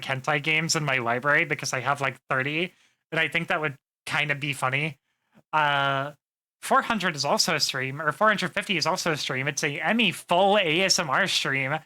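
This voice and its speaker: Bright-voiced woman streamer, casual and profane. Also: sits low. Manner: rambling, swears freely, frequent fillers. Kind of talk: casual live-stream chat.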